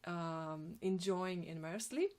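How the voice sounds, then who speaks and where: A woman in her forties from Slovenia, with a Slovenian accent, answering interview questions about her design work with many pauses and ums. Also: lowish voice, darkish tone. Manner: hesitant, many ums and restarts. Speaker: graphic designer, guest.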